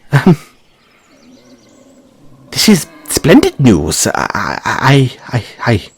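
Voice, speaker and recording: Guy doing a fussy curious rabbit boy for fantasy roleplay, super swoopy pitch, husky, polite and stammery. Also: no room sound, exaggerated voice. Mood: flustered, excited. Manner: flustered stammering, ornate courteous phrasing. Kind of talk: audio roleplay addressed to the listener.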